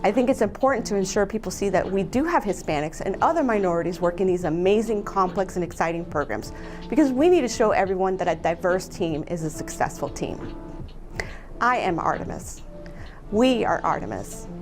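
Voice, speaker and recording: A woman from Colombia, an aerospace engineer, giving a measured, earnest scripted statement. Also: mid-range voice, animated, music in the background.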